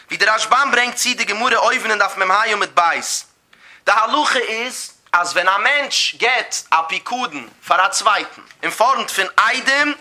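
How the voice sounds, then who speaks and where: Bright high-voiced man teaching. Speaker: Talmud teacher. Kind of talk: Talmud lesson in Yiddish-German.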